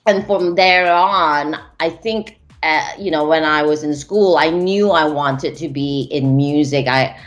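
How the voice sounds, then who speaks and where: A woman's voice: low-pitched, unhurried, hardly any pauses. A woman from Malaysia, a music manager, talking reflectively in a casual interview, with frequent restarts and fillers over a video call.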